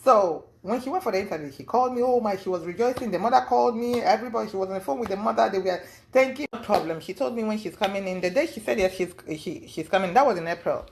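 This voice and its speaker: A woman's voice: quick pace, hardly any pauses, a little hiss or hum. Rambling woman telling a story. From lives in the US. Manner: rambling with many fillers, acts out quotes in a high voice. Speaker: interviewee. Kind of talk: casual storytelling recounting events.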